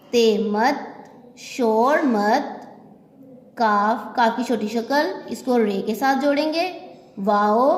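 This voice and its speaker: A woman teacher with a Pakistani Urdu accent, slowly dictating a lesson to children and spelling out each word letter by letter. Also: fairly high pitch. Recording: echoey room with long reverb.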